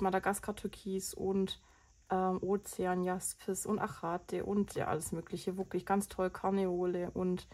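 A woman hosting a budgeting channel, medium-pitched with a darkish tone, talks casually through her expenses while she has a cold, rambling and using many fillers.

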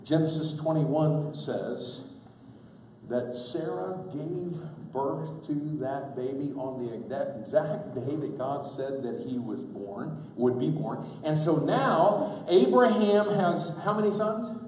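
A pastor preaching a folksy, humorous sermon at a church camp, heard from a distance in a large hall. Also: male voice, on the high side, expressive, slow pace, darkish tone, a little hiss or hum. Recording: echoey hall from far off.

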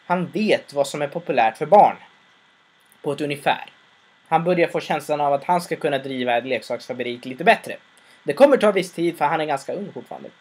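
A man recaps an episode in a loose, casual way, rambling with fillers and restarts. His voice sits a bit high for a man. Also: a little mellow.

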